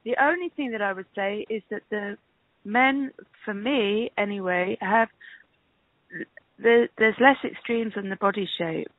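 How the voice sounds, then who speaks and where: A casting director being interviewed by phone answers in a hesitant, conversational way, thinking aloud as she goes. Her mid-range voice is a little slow, with no echo, on a tinny, band-limited phone line.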